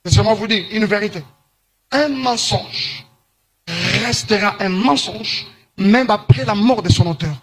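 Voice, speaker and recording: High-voiced man preaching from Congo. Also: a bit bright, slight background noise. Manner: preachy, emphatic, slows to stress points. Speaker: commentator. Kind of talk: monologue to camera.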